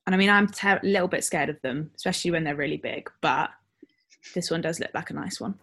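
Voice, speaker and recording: A woman co-hosting a podcast, chatting casually with her co-host. Her voice sits on the low side, and she pads her sentences with fillers and quick laughs as she tells a story. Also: fairly bright tone, breathy edge, faint music behind. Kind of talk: casual chat.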